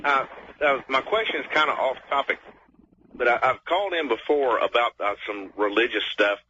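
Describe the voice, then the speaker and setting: A man from North Carolina calling in to a talk show over a clipped phone line. He speaks politely and haltingly, searching for his words. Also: mid-range voice, pushed and bright. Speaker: caller. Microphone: telephone. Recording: dull phone line with faint hiss.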